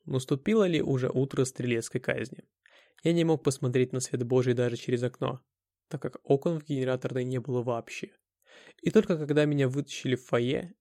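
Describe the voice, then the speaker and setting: A man reads a first-person audiobook in a measured, steady way. His voice has a gravelly edge and sits at a middle pitch. The recording is dry and close. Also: dry recording. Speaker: audiobook narrator.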